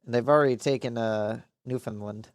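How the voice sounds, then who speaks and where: A man's voice: mid-range voice, fairly even intonation, fairly quick, dry recording, clean studio sound. Casually swearing man streaming a game. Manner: rambling, swears often, mutters to himself. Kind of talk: casual live gameplay commentary.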